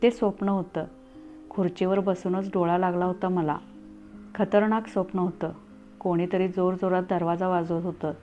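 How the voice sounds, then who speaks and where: A woman narrating a scripted first-person story as a storyteller, in an earnest, steady way. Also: lowish voice, moderate pace. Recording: tinny phone-like audio, faint music.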